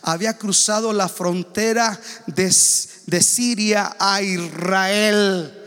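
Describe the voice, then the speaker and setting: Man, preaching, very high voice, shouts and hushes, echoing hall. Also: fairly even intonation, takes it slowly, clean tone. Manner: impassioned, shouting exhortations, swinging from loud to hushed. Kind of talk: sermon.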